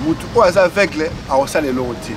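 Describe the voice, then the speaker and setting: High-voiced man ranting on a street. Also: expressive, fast. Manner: impassioned, repetitive, switches between Lingala and French. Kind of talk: outdoor political talk. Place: outdoors on a city street. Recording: distant mic outdoors with faint noise.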